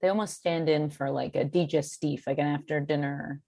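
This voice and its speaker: A woman chatting casually as a podcast guest, self-deprecating and full of halting restarts. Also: deep voice, fairly even intonation, vocal fry, dark tone, no echo, clean studio sound. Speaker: guest, cartoonist and beer educator.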